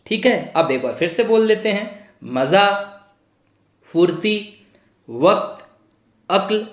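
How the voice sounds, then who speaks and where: A woman's voice: medium pitch, animated, takes it slowly, reverberant. A woman teaching a Hindi lesson to young children, spelling words out syllable by syllable and asking the class questions. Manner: repeats words for pupils to say along.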